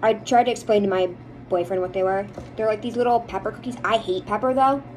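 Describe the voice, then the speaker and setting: Here a woman from the United States chit-chats with her viewers like a vlogger, rambling along and voicing emphatic opinions on her likes and dislikes. She talks at a quick pace in a mid-range, darkish voice, and there's slight background noise.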